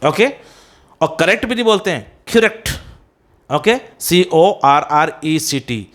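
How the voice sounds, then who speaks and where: A male English teacher with an Indian English accent gives a pronunciation lesson, switching between Hindi and English. He speaks slowly and deliberately, drawing out each word and spelling it letter by letter. His voice sits a little high. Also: expressive. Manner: slow, drawn-out repetition of words and spellings.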